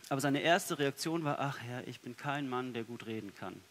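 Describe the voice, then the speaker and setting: Male preacher, mid-pitched, earnest sermon delivery with soft and emphatic turns; faint hiss on the recording. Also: expressive, moderate pace. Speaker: pastor. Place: church.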